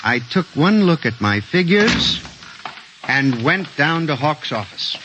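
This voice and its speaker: A man's voice: fairly high pitch, big pitch swings, takes it slowly, very noisy. A man playing a hesitant, earnest statistics clerk who also narrates, in a 1950s radio drama with an old broadcast sound. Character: timid middle-aged male statistics clerk. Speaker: narrator and lead character. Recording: muffled lo-fi old radio recording with music.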